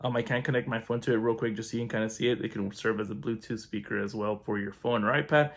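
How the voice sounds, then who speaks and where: A man giving a relaxed, chatty product review at home, walking through features. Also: lowish voice, fast. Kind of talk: casual unboxing review.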